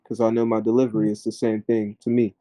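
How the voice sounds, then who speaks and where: A man, a rapper being interviewed, telling his story in animated casual talk, full of filler words. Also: fairly low pitch, fast talker, dry recording.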